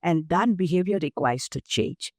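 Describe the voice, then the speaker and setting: An older woman with an Indian accent, interviewed as a guest. Her voice sits on the low side, and the recording is close and dry. She speaks in a measured, emphatic manner. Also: expressive, darkish tone, no room sound. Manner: measured, emphatic, explains through lists of examples. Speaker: guest, nonprofit founder. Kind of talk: interview conversation.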